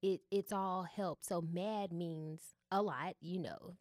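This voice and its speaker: With a fairly low pitch and a slow delivery, a young woman chats openly as an interview guest in a studio. She's an artist and founder, and her casual, relaxed talk is full of filler words, recorded without any room sound.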